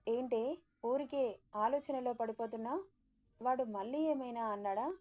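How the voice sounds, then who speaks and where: A woman voicing a bossy, chatty middle-aged mother-in-law who scolds with brisk questions. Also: a little high, a little mellow, natural voice.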